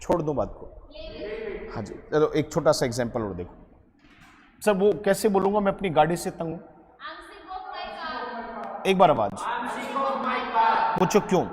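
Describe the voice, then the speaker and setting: A man teaching an English grammar lesson to a class, lively and quizzing his students with repeated questions. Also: a little high, normal speed, long pauses, in a large hall, slight background noise. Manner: lively, quizzing students, calls them beta.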